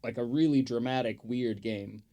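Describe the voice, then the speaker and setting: A man's voice: medium pitch, moderate pace, mellow, muffled recording. A man chatting on a podcast as the football pundit, opinionated and rambling, with lots of fillers and the odd swear. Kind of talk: casual chat.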